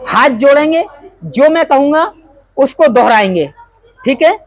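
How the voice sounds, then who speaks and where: A man leading a wedding ceremony, giving a preachy speech that quizzes the crowd and leading slow, drawn-out chants. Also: very high-pitched, animated, no echo. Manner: preachy, asks the crowd questions. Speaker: wedding officiant.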